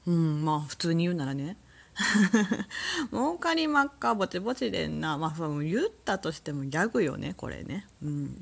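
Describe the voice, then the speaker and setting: A woman with a Kansai accent chatting alone on a podcast, relaxed and rambling, laughing often. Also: deep voice, creaky, slightly rough. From Kansai, Japan. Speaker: solo podcast host. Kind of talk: casual solo talk.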